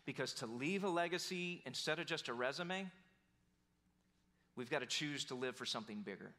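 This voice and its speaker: A man preaching a sermon as a pastor, earnest, shifting between animated exhortation and quiet, slow emphasis. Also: medium pitch.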